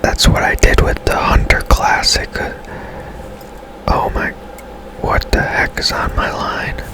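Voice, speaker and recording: This is ASMR gameplay commentary: a male streamer and host whispers breathily, keeping things casual and hushed as he muses at a relaxed pace.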